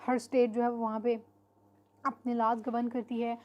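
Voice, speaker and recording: A woman's voice: on the high side, level tone, normal speed, dull audio. A woman teacher giving an online lecture, explaining steadily and mixing English terms into her speech with frequent fillers.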